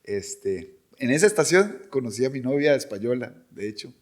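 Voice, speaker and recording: Dame un hombre costarricense de unos cincuenta años, invitado a un podcast, que relata sus recuerdos con animación, voz de tono medio. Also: male voice, mid-range voice, normal speed. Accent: Costa Rican. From Costa Rica. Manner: animated, imitates voices of people in his stories. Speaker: singer, podcast guest. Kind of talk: casual interview storytelling.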